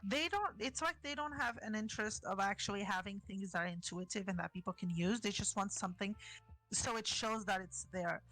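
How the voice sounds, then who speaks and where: Bright-voiced woman venting casually. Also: medium pitch, a little fast, faint music behind, rough recording. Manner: animated, exasperated complaining. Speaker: podcast co-host, customer service worker. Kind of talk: casual chat.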